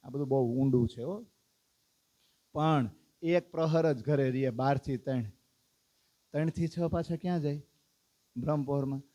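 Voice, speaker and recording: Animated storyteller man, higher voice. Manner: animated, asks the listeners questions and acts out characters' lines. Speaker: religious discourse speaker. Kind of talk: storytelling sermon to a live audience.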